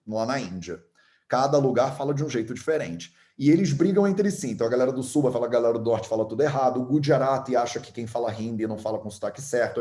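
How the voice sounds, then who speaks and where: A man's voice: mid-range voice, dark tone, reverberant. Chatty Carioca man teaching Sanskrit sounds. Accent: Carioca Brazilian Portuguese. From Rio de Janeiro, Brazil. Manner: chatty, explains patiently, repeats sounds aloud. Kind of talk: casual online lesson.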